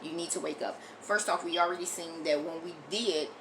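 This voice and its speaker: An American woman video commentator delivers an impassioned, blunt opinion monologue in a lowish voice at a fairly quick pace. She's emphatic, repeating phrases for force and swearing often, over a noisy background.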